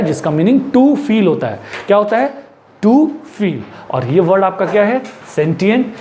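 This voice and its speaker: A man's voice: high voice, warm tone, a little hiss or hum. A man with an Indian accent teaching English words in a mix of Hindi and English, repeating words and asking the viewer questions. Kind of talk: spoken vocabulary lesson in Hindi and English.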